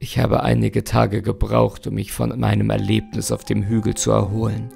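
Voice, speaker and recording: A man's voice: little pitch movement, measured pace, vocal fry, soft background music. A man reading aloud, voicing a shaken, haunted man who speaks grimly and heavily. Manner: grim, low and heavy.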